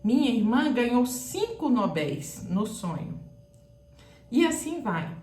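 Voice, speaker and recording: A woman teaching a grammar lesson straight to the viewer. She speaks slowly and carefully, explaining each point, in a fairly high voice. The sound carries a noticeable room echo. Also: very animated, darkish tone. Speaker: Portuguese teacher. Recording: echoey room.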